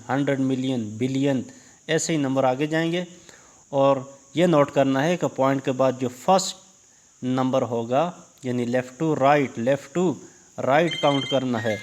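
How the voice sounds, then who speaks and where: Patient man teaching a maths lesson. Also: medium pitch. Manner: patient, repeats "dear viewers" to start each step. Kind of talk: explaining a maths lesson to viewers.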